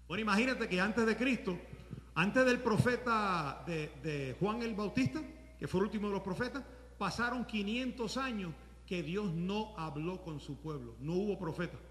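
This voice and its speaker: High-voiced preaching man in echoey hall. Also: animated, normal speed, slight background noise. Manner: conversational preaching, rising to shouts. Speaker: pastor. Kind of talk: sermon.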